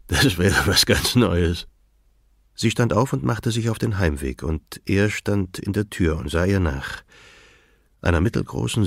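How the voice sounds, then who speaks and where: Deep-voiced male audiobook narrator. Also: vocal fry, darkish tone, no echo, clean studio sound. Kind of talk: scripted narration.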